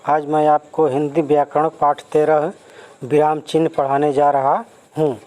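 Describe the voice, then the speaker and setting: A man gives a grammar lesson to a class of children, spelling out definitions and examples one by one. His voice sits a little high. He speaks very slowly and deliberately, turning often to address the pupils. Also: little pitch movement, darkish tone, a little hiss or hum, rough recording. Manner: slow, careful explaining with definitions and examples. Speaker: teacher. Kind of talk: Hindi grammar lesson for schoolchildren.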